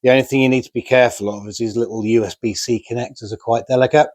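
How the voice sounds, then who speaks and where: Quick and fairly even, with a darkish medium-pitched voice, he gives casual how-to narration mid-build. This DIY vlogger is chatty and self-deprecating, hands busy, recorded dry on a remote mic.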